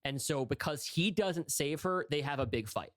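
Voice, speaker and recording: A man's voice: a little high, expressive, normal speed, no room sound, clean studio sound. A man co-hosting a podcast, casually recapping a story. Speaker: podcast co-host.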